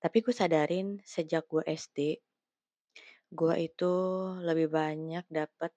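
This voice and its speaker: A woman's voice: sits low, level tone, normal speed, dark tone, dry recording. A young woman, talking casually about her life, with lots of fillers and restarts. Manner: slangy Jakarta-style chat with many fillers. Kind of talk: casual personal talk.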